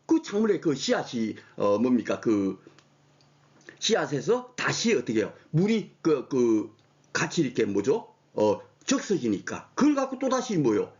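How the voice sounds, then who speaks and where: Animated male lecturer, lo-fi sound. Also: mid-range voice, a little slow. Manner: animated, rhetorical questions, frequent "그쵸?" check-ins. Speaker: exam prep lecturer. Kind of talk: recorded online lecture. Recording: dull lo-fi lecture audio.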